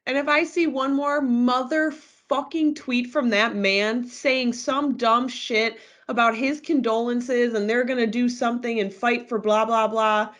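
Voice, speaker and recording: A woman's voice: on the high side, steady tone, unhurried, few pauses, a bit bright. A woman co-hosting a casual podcast, talking bluntly and animatedly, with free swearing. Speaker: podcast co-host.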